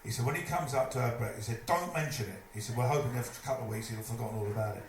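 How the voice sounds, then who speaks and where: A man telling a lively stage anecdote, putting on other people's voices as he goes. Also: medium pitch, racing. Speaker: storyteller at a live evening event. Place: live event venue, indoors. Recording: echoey room, distant mic, noisy.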